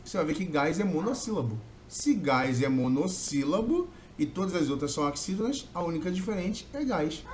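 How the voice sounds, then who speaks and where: A man from Brazil teaching an exam-prep grammar lesson, explaining step by step and drawing out key words slowly. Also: fairly high pitch, lively intonation. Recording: faint background noise.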